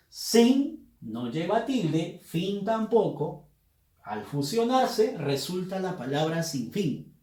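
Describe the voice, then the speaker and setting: A man giving a Spanish spelling lesson, speaking slowly and with emphasis, like a teacher addressing his students. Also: high-pitched, darkish tone. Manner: slow, emphatic teaching delivery. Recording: echoey room.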